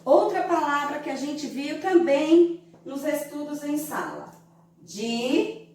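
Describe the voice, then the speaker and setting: A Brazilian woman teacher giving a slow, didactic lesson to young children, stretching out syllables to show how they sound. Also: high voice, lively intonation, a little mellow, distant mic, a little hiss or hum. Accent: Brazilian Portuguese. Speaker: primary school teacher. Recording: very echoey room, voice from away from the mic.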